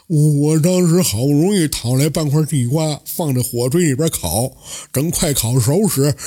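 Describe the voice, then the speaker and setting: A man's voice: a little high, darkish tone, breathy edge. A man doing a tearful simple-minded beggar.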